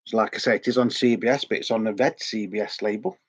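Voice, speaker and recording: Speaking quickly in a lowish, slightly rough voice, this middle-aged man hosts a vlog about collecting records despite a sore throat. His casual chat rambles along and circles back on the same words again and again.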